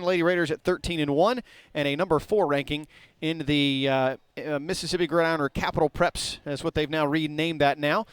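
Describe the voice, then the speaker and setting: A middle-aged man, giving folksy, rambling play-by-play of a high school basketball game in a small gym. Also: clear, resonant tone, no room sound. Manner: folksy, rambling, talks to viewers directly. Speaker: play-by-play announcer.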